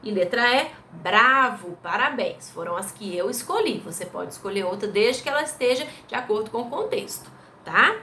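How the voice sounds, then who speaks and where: A woman's voice: medium pitch, expressive, a little fast, a bit bright, slight background noise. A woman teacher with a Brazilian Portuguese accent patiently goes over school exercise answers step by step, often checking in with her pupils. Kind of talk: recorded remote class going over exercise answers.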